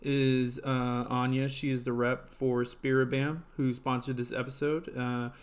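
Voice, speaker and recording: A man's voice: medium pitch, little pitch movement, measured pace. A man hosting a casual live stream, rambling and filling gaps with ums and uhs. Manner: rambling, heavy on fillers and restarts. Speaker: livestream host.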